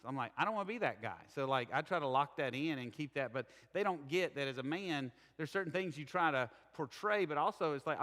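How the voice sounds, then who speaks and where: A man's voice: mid-range voice, a bit bright. A middle-aged man with a Southern American accent, preaching a sermon in a conversational, candid and earnest way. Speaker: pastor. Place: church sanctuary. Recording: echoey church hall.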